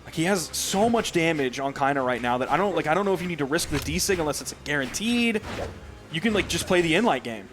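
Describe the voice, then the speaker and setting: A man working as an esports caster, commentating on a fighting game in a casual, excitable way. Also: on the high side, quick pace, soft background music.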